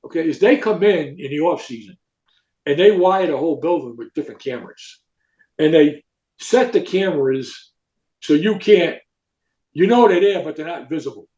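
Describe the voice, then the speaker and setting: An older man, a retired football coach, telling rambling, animated stories in a podcast interview and tagging lines with "right?" and "okay?". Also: fairly high pitch, normal speed. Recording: echoey room, dull lo-fi sound.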